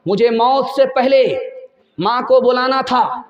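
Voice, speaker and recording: A man's voice: very high-pitched, roomy sound, big-room sound, lo-fi sound, pitched above the performer's own voice. A male preacher voicing a defiant condemned young man who bitterly blames his mother, in a raised, anguished tone. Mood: bitter, accusing. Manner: raised, anguished, shouting reproach.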